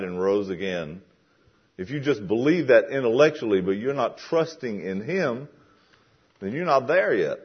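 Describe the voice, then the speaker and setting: A man's voice: medium pitch, slightly rough, highs cut off. A man preaching a sermon in a conversational way that builds to emphatic questions.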